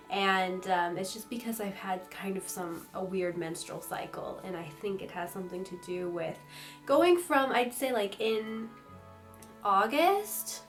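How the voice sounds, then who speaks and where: A young woman vlogging casually about her food, chatty and rambling, with the hiccups. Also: medium pitch.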